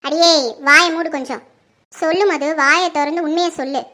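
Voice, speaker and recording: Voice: high voice, fairly even intonation, normal speed. A performer doing a furious scolding mother. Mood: angry, accusing. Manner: sharp, accusing and demanding. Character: furious middle-aged mother, suspicious and scolding. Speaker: neighbor and mother in a family skit. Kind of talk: home-made Tamil family skit acting.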